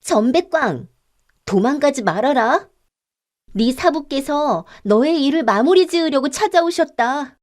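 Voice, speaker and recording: A mischievous young girl who calls out in bright, ringing commands, voiced by a woman in an audiobook. Her voice sits very high and a touch distant. She teases with cheeky confidence. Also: animated, unhurried. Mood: bold shouting. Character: bold mischievous young girl, teasing and sharp-tongued. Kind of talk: audiobook character reading.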